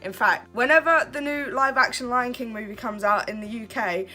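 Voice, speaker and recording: A woman in her twenties from Kent, England, vlogs late at night in a relaxed mood, answering get-to-know-me questions. Her fairly high, bright voice moves at a normal speed with a forceful tone. She's chatty and self-deprecating, laughing at herself often, with faint music in the background.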